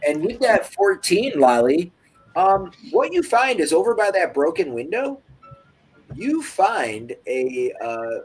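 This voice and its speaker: A man running a tabletop game, narrating in a casual, halting way with many small fillers. Faint music plays behind him. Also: on the high side, sing-song. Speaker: game master.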